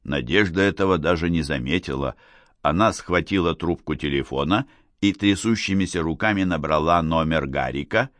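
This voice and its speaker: Male audiobook narrator, low pitch, lively delivery, dry mic. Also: normal speed, no echo. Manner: lively expressive reading.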